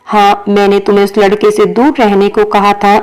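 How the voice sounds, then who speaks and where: A woman voicing an apologetic male office boss in a storybook reading, speaking in a gentle, pleading way. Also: medium pitch, monotone, normal speed, close to an everyday voice.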